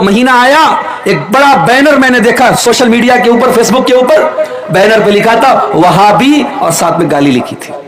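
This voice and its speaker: A male preacher from northern India delivers a fiery sermon in a high voice, swinging between shouts and slow chanted verses. His voice rings through an echoey space, with a crowd audible around him. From Uttar Pradesh, India. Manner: impassioned, rising to shouts, chanting Arabic verses slowly. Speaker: Islamic preacher.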